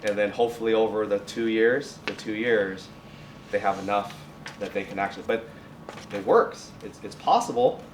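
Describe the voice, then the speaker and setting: Speaking low, a male high school biotech and science teacher gives an informal guest talk with Q&A in a college classroom or lab. His delivery is halting; he rephrases, self-corrects and restarts phrases often. The recording is echoey and distant, with faint noise in the background.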